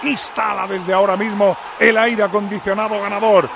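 A man with a Spanish accent from Spain reads sponsor promotions live in a football broadcast, loud and punchy as an announcer. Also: high-pitched, little pitch movement, normal speed, creaky. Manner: loud, punchy sales delivery. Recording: stadium crowd and noise behind.

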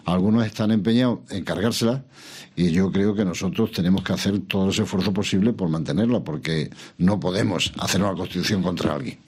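An older man answering interview questions about politics in a measured, reflective way, pausing and restarting, asking himself questions. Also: low-pitched, darkish tone, slightly rough. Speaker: interview guest, former regional president.

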